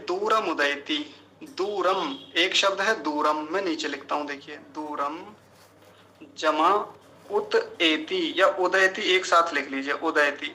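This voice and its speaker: A male teacher giving a pronunciation lesson, sounding each syllable out slowly and carefully and then chanting the verse in a sung tone. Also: fairly high pitch, bright, forceful tone, poor audio. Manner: slow, careful syllable-by-syllable enunciation. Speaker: Sanskrit teacher.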